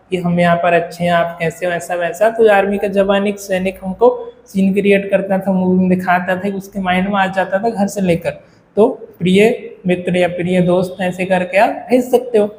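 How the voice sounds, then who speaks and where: A man's voice: high-pitched, darkish tone, slight background noise. A man teaching a lecture, explaining step by step and checking in with the class. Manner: Hinglish explaining with frequent "है ना". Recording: echoey room with faint ambience.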